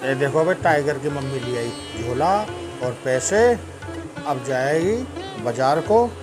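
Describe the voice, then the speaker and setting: A man's voice: mid-range voice, expressive, takes it slowly, over music. A man chatting casually at home, narrating his pet dog's antics and talking fondly to the dog.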